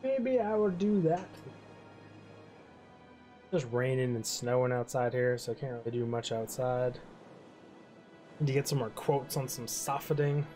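Over soft background music, a young man hosting a gaming channel rambles through let's-play commentary as the game credits roll. His medium-pitched voice is mellow, animated, and unhurried; he's laid-back, yawns, pauses often, and sometimes trails off.

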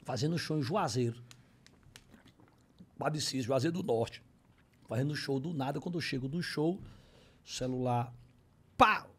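A young man with a Ceará accent, a comedian telling an anecdote on a podcast in casual, animated style, acting out the voices of others. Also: medium pitch, unhurried, long pauses, slightly rough. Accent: Northeastern Brazilian, Ceará. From Ceará, Brazil. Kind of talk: casual storytelling. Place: podcast studio.

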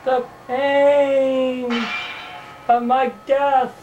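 A woman voicing the moaning ghost of a murdered man in a low-budget amateur ghost movie, drawn out and wailing. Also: flat delivery, very slow. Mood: mournful. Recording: distant mic with loud music.

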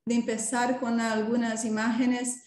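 A woman's voice: fairly high pitch, level tone, unhurried, a little mellow. A woman in her thirties, a native Portuguese speaker with a Brazilian accent, giving a seminar presentation and hesitantly searching for words. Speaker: academic presenter. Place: indoor room. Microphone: video call. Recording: roomy, echoing video call.

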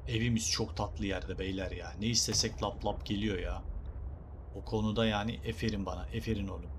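Young male gamer, lower voice, playful banter to viewers, light background noise. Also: fairly even intonation, brisk. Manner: joking, slangy, talks to viewers and game creatures. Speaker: gaming YouTuber. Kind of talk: casual let's play commentary.

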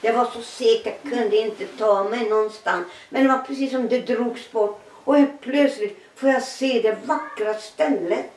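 In an interview, a middle-aged woman shares a personal testimony, telling her story with animated, laughing re-enactments of dialogue. Her voice is on the high side, and the rough recording sounds roomy, with a distant mic.

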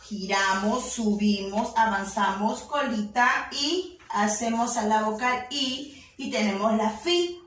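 Slow, patient woman teacher in echoey room. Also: on the high side, a bit bright, a little hiss or hum. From Peru. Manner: slow, patient, step-by-step instructions to children. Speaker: kindergarten teacher. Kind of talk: children's writing lesson. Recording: very echoey room, voice far from mic.

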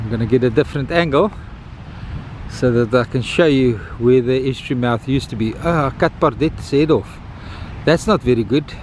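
A man's voice: mid-range voice, normal speed, a little mellow. A South African man narrating a casual vlog outdoors, speaking informally to viewers and repeating phrases for emphasis, with wind noise on the recording. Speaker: vlogger filming a morning beach walk. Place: outdoors on a windy beach. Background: wind and outdoor ambience.

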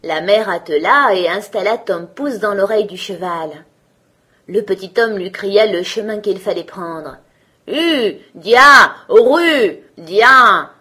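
A woman storyteller reading a fairy tale aloud in a gentle, measured way. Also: mid-range voice, husky.

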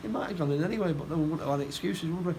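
Halting middle-aged man, football manager. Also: on the high side, a little mellow, a little hiss or hum, poor audio. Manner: halting, repeats words, plain-spoken. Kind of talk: post-match interview. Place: indoor room by a stadium door.

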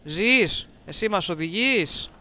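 A man's voice: high voice, lively intonation, sharp tone. A man giving casual let's-play commentary, joking, talking back to the game and reading its text aloud, with a sore throat and a cough. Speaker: gameplay commentator.

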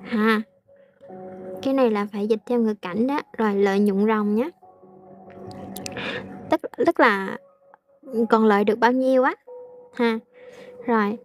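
A woman English teacher, translating aloud slowly in a casual lesson with frequent hesitations. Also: a little high, faint music behind.

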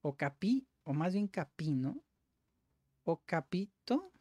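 A man's voice: sits high, big pitch swings, takes it slowly, a little mellow, no room sound. A man who hosts a language-learning video, thinking aloud and correcting himself as he works through exercises. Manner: thinking aloud, self-correcting, frequent "vale?" and "ok". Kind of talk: casual commentary while doing language exercises.

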